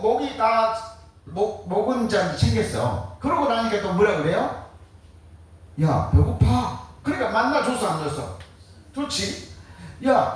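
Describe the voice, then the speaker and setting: Animated preacher in a very echoey room. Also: male voice, high-pitched. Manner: lively rhetorical questions, colloquial, joking. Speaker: pastor. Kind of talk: sermon. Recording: very echoey, distant mic.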